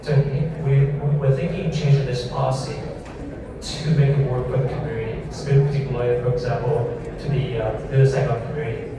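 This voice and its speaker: A man serving as mayor answers panel questions haltingly, repeating words and phrasing things loosely. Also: medium pitch, level tone. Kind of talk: panel discussion remarks. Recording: long reverb, distant mic, crowd noise.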